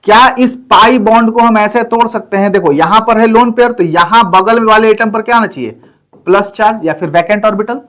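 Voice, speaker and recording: Male chemistry tutor, high voice, patient and repetitive, keeps checking in with students. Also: fairly quick, a bit bright. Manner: repetitive, checks in with listeners often. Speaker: chemistry teacher. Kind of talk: explaining on a whiteboard.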